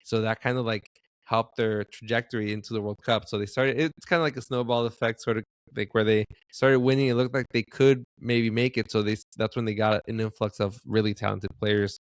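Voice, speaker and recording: A man's voice: on the low side, little pitch movement, fairly quick, smooth, no echo, studio quality. A man co-hosting a soccer podcast, speaking hesitantly and filling his sentences with "like.". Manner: hesitant, heavy use of "like". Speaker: podcast co-host. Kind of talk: casual chat.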